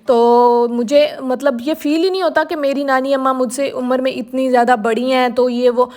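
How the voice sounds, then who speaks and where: Chatty high-voiced young woman vlogger. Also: fairly even intonation, darkish tone. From Pakistan. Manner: chatty, confiding, repeats herself often. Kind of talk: casual vlog narration.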